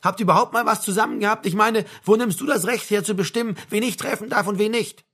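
A man's voice: high voice, fast talker, fairly bright tone, breathy edge, voice pushed up. A man reading an audiobook, voicing a dry, sarcastic young man who stays cool in an argument. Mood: heated.

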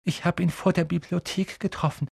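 A man's voice: high voice, fairly even intonation, fairly quick, vocal fry, a little mellow, husky, no room sound, clean studio sound, voice pushed up, heavily acted. A man voicing a timid, tearful teenage schoolboy with a shaky, pleading voice in an audiobook. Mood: shaken. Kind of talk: audiobook character voice.

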